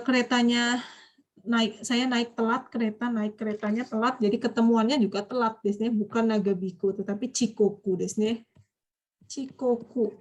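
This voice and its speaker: Higher-voiced woman teaching a language class. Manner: quizzes students, prompts them to hurry. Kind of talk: online vocabulary class.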